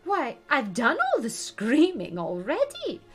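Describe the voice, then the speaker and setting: A woman voicing a flighty, excitable, self-assured old queen in a theatrical storybook reading, with an emphatic, squeal-prone manner. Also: sits high, slow pace, slightly rough, soft background music, pitched above the performer's own voice, exaggerated voice. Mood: fussy.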